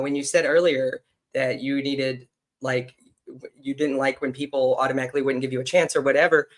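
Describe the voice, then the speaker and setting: A man hosting a casual podcast conversation, chatty, blunt and teasing with his guest. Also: mid-range voice. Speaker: podcast host.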